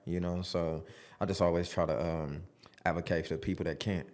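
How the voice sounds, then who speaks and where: A man in his forties appears as a podcast guest in a casual studio interview, telling his story openly but with frequent halting restarts. His voice sits low and is a little mellow, with a flat delivery.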